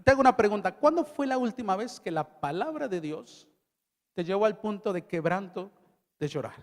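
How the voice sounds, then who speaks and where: A middle-aged male pastor preaches a sermon at a youth event in a large hall, reading scripture aloud and posing questions to the audience. His voice sits high and is expressive, moving at a moderate pace. The recording carries a long hall reverb.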